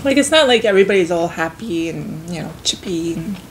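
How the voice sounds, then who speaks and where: A woman chatting casually over a meal, easygoing and quick to ask short follow-up questions. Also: on the low side, animated, slight background noise, poor audio.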